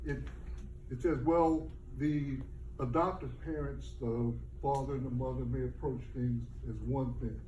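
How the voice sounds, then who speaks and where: Male audience member, mellow tone, halting delivery, echoey room. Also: medium pitch, muffled recording, a little hiss or hum. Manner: halting, rephrasing as he goes. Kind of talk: question-and-answer remarks. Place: book launch event room. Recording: roomy sound, mic far off.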